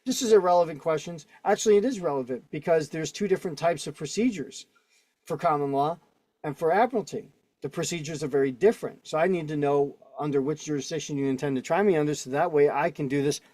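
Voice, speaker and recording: This instructor's voice is a little high and quick, with a darkish tone and no echo. He teaches a video-call class in a relaxed way, arguing each point and often asking listeners "right?" or "okay?".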